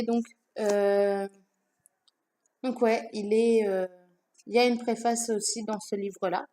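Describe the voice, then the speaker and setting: A woman's voice: on the high side, dark tone. A young woman talking casually to camera about her books, with many fillers and self-corrections, recorded at home. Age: young adult. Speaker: book vlogger. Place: room at home.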